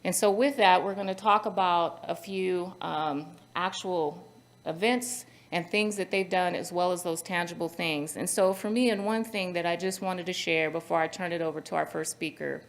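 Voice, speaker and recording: Woman panel moderator, lowish voice, earnest and anecdotal, filler-heavy delivery. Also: fairly even intonation, moderate pace. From Central Valley, California. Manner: earnest, storytelling with many fillers. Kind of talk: conference panel remarks.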